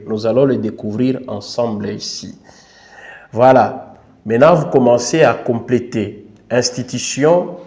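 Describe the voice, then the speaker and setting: Speaking with a Congolese French accent, a man leads a patient, repetitive screen tutorial, often ending phrases with "n'est-ce pas" and apologising for his English. His voice is medium-pitched and mellow.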